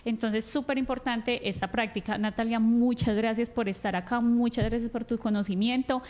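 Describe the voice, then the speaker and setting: A woman hosts a talk show. Her voice sits somewhat high, and she affirms her guests often. She thanks them as she wraps up the segment. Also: fairly even intonation, moderate pace. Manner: affirming, warm closing remarks, frequent agreement. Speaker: host.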